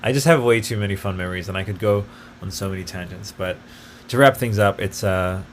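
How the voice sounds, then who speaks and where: A man who grew up partly in Italy hosts his own solo podcast, talking briskly in a fairly low voice. He rambles eagerly from one tangent to the next, loose and casual, with plenty of fillers, over a faint background noise.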